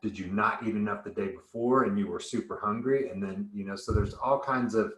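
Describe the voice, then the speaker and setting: A man's voice: fairly low pitch, brisk, a bit bright, echoey room. A man coaching a group on nutrition in a casual, upbeat way, rambling a little and often restarting words.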